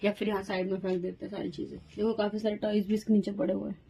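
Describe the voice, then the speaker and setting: A woman's voice: mid-range voice, flat delivery, fast, gravelly, mellow, breathy edge. A young woman vlogging at home about her day, chatty and talking to her toddler in a sing-song voice. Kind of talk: casual home vlog. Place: home rooms, indoors.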